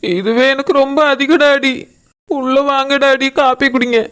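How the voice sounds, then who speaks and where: A woman plays a meek young pregnant wife in a cartoon, quiet and tearful. The voice sits high but barely moves in pitch. She speaks in humble, subdued phrases. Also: steady tone, moderate pace. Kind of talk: cartoon voice acting.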